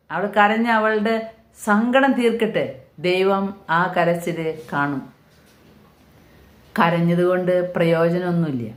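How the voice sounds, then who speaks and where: A woman giving an earnest sermon, repeating phrases for emphasis. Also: fairly low pitch. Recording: echoey room.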